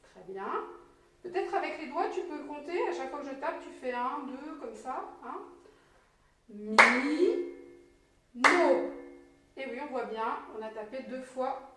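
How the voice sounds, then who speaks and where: A woman teacher giving a slow, encouraging reading lesson to a young child, sounding out syllables clearly. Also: high-pitched, lively intonation, loud music behind the voice. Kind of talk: patient early-literacy lesson. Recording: very echoey room, mic at a distance.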